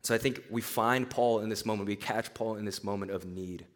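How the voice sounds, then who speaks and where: A young man from Tennessee giving a casual sermon to students, telling stories in an animated, chatty way with asides. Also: fairly low pitch, fairly quick. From born in Korea, raised in Nashville, Tennessee. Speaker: campus speaker.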